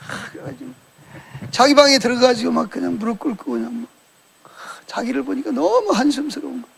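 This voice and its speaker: A man's voice: very high-pitched, gravelly. A male pastor preaching a sermon in a colloquial storytelling way, acting out quoted dialogue as he retells events.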